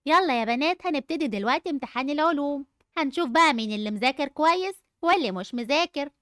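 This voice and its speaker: A young female voice playing a firm grown-woman schoolteacher. She has an Egyptian Arabic accent and gives orders in a brisk, commanding way. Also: sits high, expressive, fairly bright tone, dry recording, clean studio sound, pitched below the performer's own voice.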